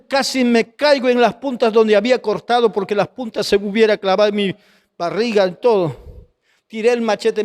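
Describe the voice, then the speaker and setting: Man, preacher giving a testimony, high-pitched voice, fervent and pleading, long hall reverb. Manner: impassioned, pleading, addresses listeners as brother. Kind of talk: testimony sermon.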